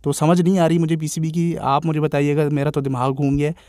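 A man with a Pakistani Urdu accent talks fast and on a narrow, fairly high pitch, airing his opinions to his viewers. He sounds exasperated and calls them brother. His voice is recorded close and dry, with no room sound. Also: little pitch movement, mellow, no echo. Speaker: cricket vlogger. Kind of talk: casual commentary to viewers.

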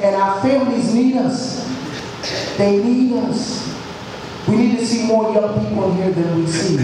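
A man's voice: high voice, background noise. A man in his fifties preaching an earnest, exhorting sermon in a church, repeating his phrases for emphasis. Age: 50s. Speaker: lay preacher. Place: large church sanctuary. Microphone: handheld mic. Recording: echoey hall from far off.

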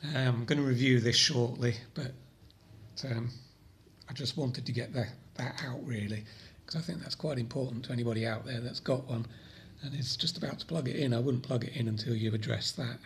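A man with a croaky voice from a cold, casually explaining a fix in a hobby vlog, rambling with frequent ums and repeated words. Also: medium pitch, a little fast. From Britain. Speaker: drone hobby channel host.

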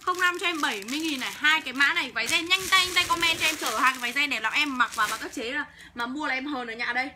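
With hardly a pause, a young woman speaks very fast in a voice that sits high, background noise audible behind her. She's livestreaming to sell clothes, hawking bluntly with plenty of profanity.

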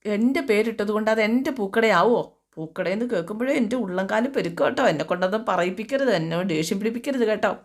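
A woman's voice: medium pitch, expressive, quick pace, close to an everyday voice. A woman voicing an easily angered middle-aged mother-in-law who complains indignantly.

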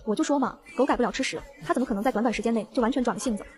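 A woman narrating a novel in the first person, in a brisk, even storytelling read. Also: a little high. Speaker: audiobook narrator.

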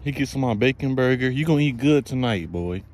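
A man's voice: mid-range voice, lively intonation, quick pace, darkish tone. A man filming a casual vlog, doting on a stray dog and talking to it in a fond, coaxing way outdoors. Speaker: vlogger.

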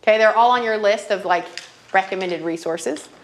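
Speaking at a moderate pace in a mid-range voice, this woman in her thirties leads a classroom workshop on money. She tells stories and keeps asking "okay?" to check in, with slight background noise in the recording.

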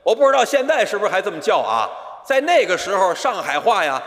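A man leads a live crosstalk act on a theater stage. His voice sits high and swings widely as he tells the story and jumps into the other characters' lines. The microphone picks up the long reverb of the hall. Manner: animated storytelling that switches quickly into acted dialogue. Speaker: lead comic of a crosstalk duo.

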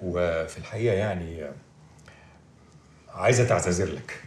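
An actor playing an older man who calms a hotheaded friend, quick and exasperated, with an Egyptian accent. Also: low-pitched, slight background noise, close to an everyday voice. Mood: placating. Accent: Egyptian Arabic. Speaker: senior official in a TV series.

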